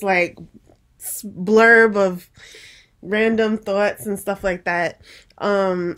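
Chatty, rambling woman vlogger. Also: mid-range voice. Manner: rambling, chatty, many restarts and fillers. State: out of breath. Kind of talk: casual talk to camera.

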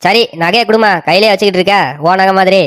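A woman's voice: mid-range voice, fairly even intonation, quick pace, a little hiss or hum, natural voice. A woman voicing a sly, scheming male village thief in a cartoon, mocking and bullying. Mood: taunting. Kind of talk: cartoon voice acting.

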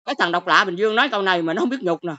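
A woman's voice: mid-range voice, lively intonation, rapid-fire, bright, forceful tone. An older woman with a Southern Vietnamese accent, ranting and lecturing her viewers on a livestream in a scolding, exclamatory way. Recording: dull lo-fi stream audio.

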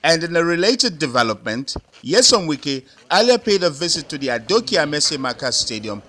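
A man's voice: fairly high pitch, sing-song, normal speed, bright, forceful tone. A man reading scripted news narration as a reporter.

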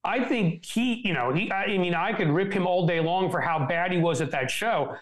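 A man's voice: high voice, normal speed, low-quality recording. A middle-aged man, a political strategist on a show, talking in a blunt, profane, joking way in casual political chat.

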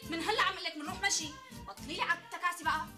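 Bossy sister, high and quick, score underneath. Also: female voice, distant mic, over music. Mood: brisk.

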